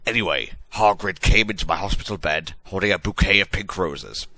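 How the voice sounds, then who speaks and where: Hammy, deep-voiced man doing a dramatic reading. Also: brisk, sharp tone, no echo. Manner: hammy, theatrical stage-actor delivery with exaggerated emphasis. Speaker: reader of a fan fiction story.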